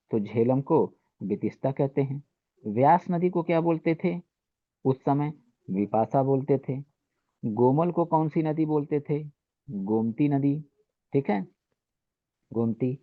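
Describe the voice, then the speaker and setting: A man's voice: on the high side, no echo. A man teaching an exam-prep lesson, asking questions and answering them himself, with "ठीक है" after nearly every point. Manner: repeats "ठीक है" constantly, asks and answers own questions. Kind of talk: exam-prep lecture in Hindi with English terms. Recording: dry, phone-like narrow sound.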